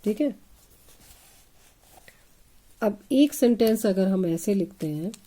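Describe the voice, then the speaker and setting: A woman's voice: mid-range voice, lively intonation, slow, dark tone. A woman teaching English phonics to children, spelling words letter by letter and sounding them out. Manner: addresses pupils as children, asking questions. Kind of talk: slow phonics lesson for children.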